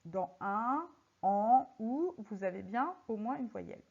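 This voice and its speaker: A woman teaching a recorded lesson on poetry, speaking slowly and deliberately and stressing words syllable by syllable as she works through exercises. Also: a little high, lively intonation, gravelly, a little mellow. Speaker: French teacher. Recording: slightly muffled lo-fi audio.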